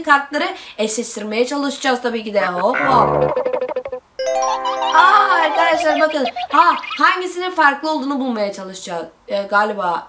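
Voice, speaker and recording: A woman hosting a gaming video, giving excited let's-play commentary and constantly calling out to her viewers. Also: high-pitched. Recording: loud game music behind.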